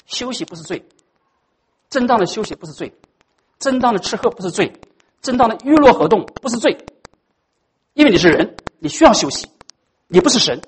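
A pastor preaching a sermon in a dramatic way, swinging between hushed and loud and dropping English words into the speech. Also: medium pitch, animated, brisk, long pauses, breathy edge, low-quality recording.

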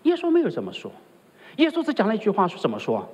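A pastor preaches a sermon very fast in a husky, slightly mellow voice, his pitch swinging hugely as he presses each point. He keeps turning to the congregation with rhetorical questions, often asking "right?", while a large hall's long reverb trails each phrase on a lo-fi recording.

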